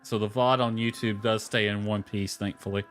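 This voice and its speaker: Over background music, a man with a lowish, fairly bright voice offers loose, meandering commentary on a game stream at a moderate pace, keeping a level tone while mildly complaining along the way.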